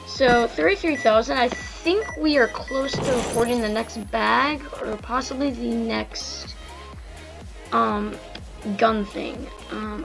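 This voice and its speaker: Over background music, a child gaming video host nearly twelve years old rambles casually through gameplay commentary. The voice is mid-range, creaky, slightly strained and slangy, and the recording is rough.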